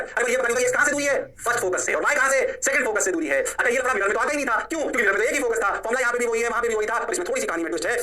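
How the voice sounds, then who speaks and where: A male physics teacher giving a lecture in a high, bright voice. He talks energetically, asks the class questions and then answers them himself. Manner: energetic, repeats points and answers his own questions for the class. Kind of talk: online lecture.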